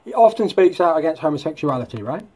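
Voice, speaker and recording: A man's voice: a little high, very animated, quick pace, a little mellow, breathy edge. A man hosting a casual vlog, talking in a mocking, sardonic way. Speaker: YouTube host.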